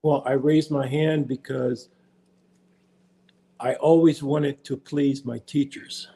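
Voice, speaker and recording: A man's voice: medium pitch, little pitch movement, takes it slowly, vocal fry, dark tone. An older American man, a podcast guest, talking in a rambling, casual way and often repeating and restarting his words. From United States. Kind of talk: casual interview chat.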